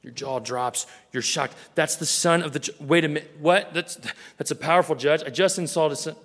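A male pastor preaching a sermon earnestly, acting out small scenes in a quieter voice. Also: fairly high pitch, normal speed, gravelly, big-room sound.

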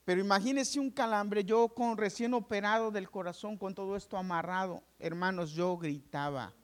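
A man's voice: high voice, moderate pace. A man preaching, telling his own hospital story to the congregation, calling them brothers and acting out each voice. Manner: animated storytelling, addresses listeners as brothers; acts out dialogue with doctors and nurses. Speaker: pastor. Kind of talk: sermon testimony.

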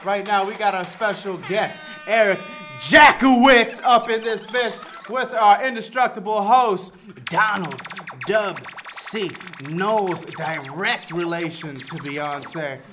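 A man's voice: sits high, slow, long pauses, bright, forceful tone, soft background music. A man announcing a podcast intro in a hyped, profane style, rattling off topics, his voice fuzzy and distorted. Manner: rattles off a long list of topics. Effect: fuzzy distorted audio.

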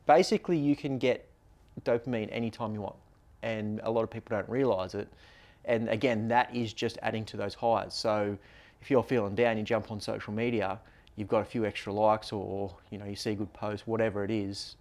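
A man's voice: lowish voice, fairly even intonation, brisk, darkish tone. A man co-hosting a podcast, explaining things in a loose, rambling, casual way. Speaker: podcast co-host.

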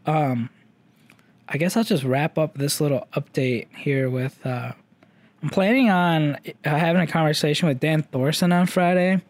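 A man's voice: fairly high pitch, normal speed, no room sound. A young man with a slight Chinese-English accent giving a casual, rambling audio update, full of fillers and casual swearing. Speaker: vlogger.

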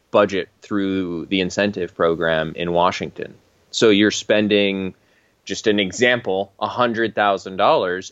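Low-voiced guy rambling about his film work, easygoing, dry dull mic. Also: a bit bright, no room sound. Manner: explains at length, easygoing, with filler words. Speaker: independent filmmaker. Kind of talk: casual podcast chat.

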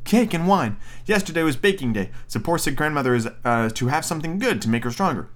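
A trusting, well-mannered little girl from a fairy tale, voiced by a man pushing his voice up. She sounds earnest and lively, her pitch rising and falling a lot. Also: fast. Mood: innocent. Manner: raised, bright-toned and earnest.

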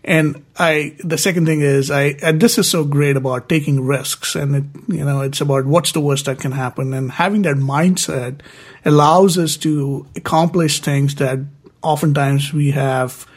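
A man's voice: a little high, steady tone, moderate pace, breathy edge. A man hosting an interview podcast, enthusiastic and filler-heavy as he sums up his guest's answers. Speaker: podcast host.

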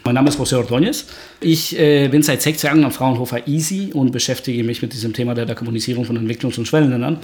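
A man from Guatemala speaks as a podcast guest. He explains things in a measured way and pauses often with filler sounds. His voice sits at an ordinary pitch for a man. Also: a little mellow. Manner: measured, with frequent hesitations. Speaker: guest researcher. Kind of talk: podcast interview.

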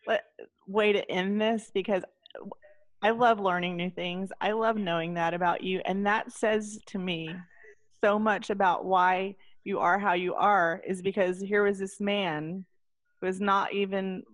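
A woman's voice: mid-range voice, steady tone, unhurried, no echo. A woman hosting a podcast, chatting in an effusive, affectionate way with her guest. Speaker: podcast host. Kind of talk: casual interview chat.

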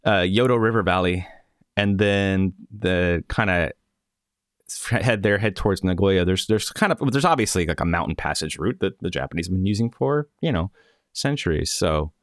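A man's voice: low voice, expressive, moderate pace, no echo, studio quality. A man hosting a podcast in casual chat, rambling and correcting himself as he goes. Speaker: podcast host.

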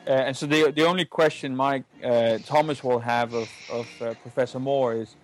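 A man's voice: mid-range voice, steady tone, normal speed, faint music behind. A man playing in a tabletop game, casual and a little hesitant. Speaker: player. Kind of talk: casual chat.

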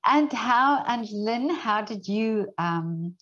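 A woman interviewer asking questions in a halting, stop-start way. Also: on the high side, expressive, a bit bright, a little hiss or hum. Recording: slightly dull, off-mic sound.

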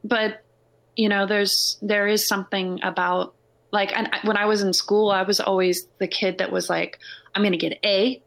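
A woman's voice: medium pitch, flat delivery, normal speed, vocal fry, fairly bright tone. A woman songwriter talking casually about making music, rambling with lots of "like" and "you know". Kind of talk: casual conversation.

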